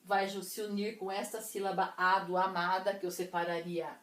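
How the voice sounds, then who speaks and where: A woman teacher explaining poetic meter to her class, counting syllables slowly and deliberately. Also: mid-range voice, little pitch movement. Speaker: literature teacher. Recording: echoey room.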